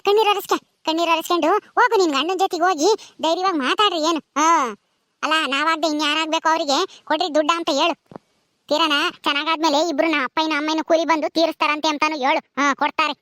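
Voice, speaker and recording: A woman's voice: very high voice, fairly bright tone, no room sound, studio quality. A woman playing a firm old village granny. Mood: reassuring. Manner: scolding, coaxing, drawn-out rural speech. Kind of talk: village drama acting.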